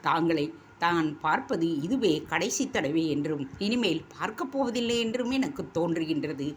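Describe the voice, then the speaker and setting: A woman's voice: lowish voice, expressive, normal speed, a little hiss or hum, close to an everyday voice. Sorrowful young princess voiced by a lady narrator, scared and hesitant, storybook reading.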